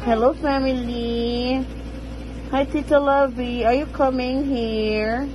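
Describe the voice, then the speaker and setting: A woman's voice: high voice, fairly even intonation, slow pace, lo-fi sound. A woman speaking as a baby boy greeting family. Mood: cheerful. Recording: noisy home recording.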